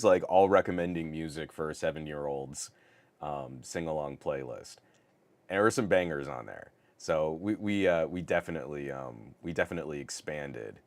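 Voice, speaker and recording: A middle-aged man hosts a live tech chat show while sick, his voice scratchy and rough. He speaks in a deep, low register, bursting with over-the-top enthusiasm and tripping over quick restarts. The sound is close and dry, with no trace of room echo. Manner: over-the-top, excitable delivery with stammered restarts. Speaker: host of a live tech podcast. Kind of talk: casual live-stream chat.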